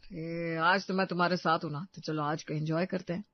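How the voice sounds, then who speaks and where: A man's voice: a little high, steady tone, a little fast, dry recording, close to an everyday voice. A man voicing a breezy, reassuring young husband. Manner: casual, reassuring, mixes in English. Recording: dry, slightly dull lo-fi audio.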